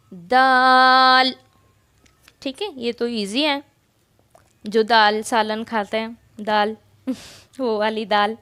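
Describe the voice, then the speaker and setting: Clear high-voiced woman teaching slowly. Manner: slow, drawn-out letter recitation; explains step by step, often checks in. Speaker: Quran reading teacher. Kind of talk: patient spoken lesson.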